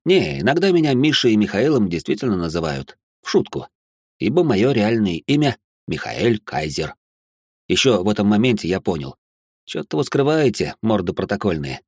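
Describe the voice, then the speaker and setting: A man's voice: on the low side, sing-song, moderate pace, slightly rough, no echo, clean studio sound. A man narrating an audiobook in a wry, sardonic first-person voice. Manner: wry, sardonic inner monologue.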